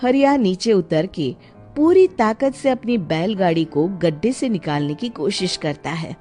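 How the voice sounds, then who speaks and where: A woman's voice: lowish voice, lively intonation, unhurried, mellow, faint music behind. A woman narrating a scripted story as its storyteller.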